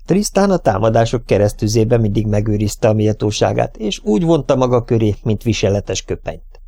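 A man narrating an audiobook in an even, measured storytelling way. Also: fairly low pitch, creaky.

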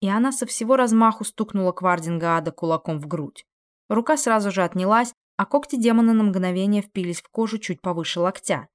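Expressive woman reading a dark fantasy story. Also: medium pitch, fairly quick. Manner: expressive, acting out dialogue. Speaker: audiobook narrator. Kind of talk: dramatic fiction reading.

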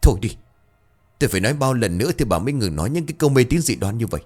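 A man's voice: medium pitch, big pitch swings, racing, darkish tone, faint music behind. A man voicing a stern, skeptical middle-aged father who scolds and dismisses talk of ghosts, in a narrated ghost story. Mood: scolding.

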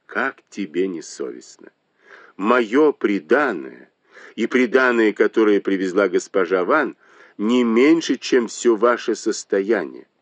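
A shrewd noblewoman with a sharp, mocking tongue, as a male reader puts her on. The voice sits higher than his own and swings widely in pitch. The recording is close and dry, with no room sound. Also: animated, slow, dry recording. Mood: indignant. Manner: mocking, reproachful.

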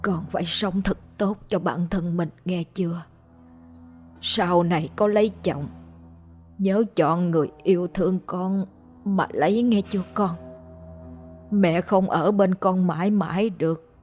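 A woman narrator voicing a frail, dying old mother who speaks softly and slowly in a storybook reading. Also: fairly low pitch, fairly even intonation, faint music behind, natural voice. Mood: tender. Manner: soft, slow, hushed pleading.

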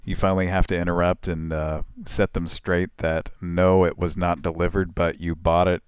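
A man's voice: deep voice, little pitch movement, moderate pace, smooth, dry recording, studio quality. A man co-hosting a live comedy podcast, talking in a rambling, profane, mocking way. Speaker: podcast co-host. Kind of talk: casual comedic chat.

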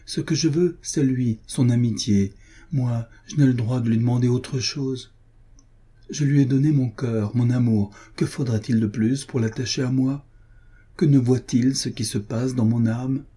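A man's voice: medium pitch, unhurried, dark tone, husky. A man reading the part of a devout, tender young duchess, in a plaintive inward monologue from a storybook. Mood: sorrowful.

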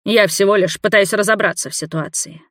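A woman's voice: mid-range voice, fairly quick, fairly bright tone, no echo, studio quality, voice pushed up, close to an everyday voice. A woman voicing an agitated male doctor. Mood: irritated. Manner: heated, near hysterical questioning.

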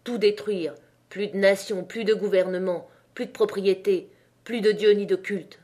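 A woman reading the part of a calm but fanatical male anarchist who speaks softly and grows fervent, in an audiobook. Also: medium pitch, moderate pace, natural voice. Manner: soft, then fervent.

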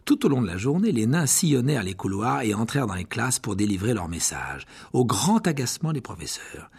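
A man reading an audiobook as narrator, in expressive scripted storytelling. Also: medium pitch, fairly quick, gravelly, breathy edge.

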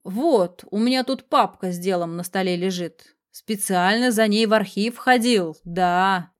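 A woman's voice: medium pitch, unhurried, lightly acted. A woman reading the part of a self-important male police lieutenant colonel with a patronizing manner. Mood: magnanimous. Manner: patronizing, pleased with himself.

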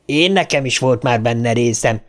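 A man voicing a gruff, taunting male asylum orderly in an audiobook. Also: mid-range voice, lightly acted. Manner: taunting, rough. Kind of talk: audiobook character voice.

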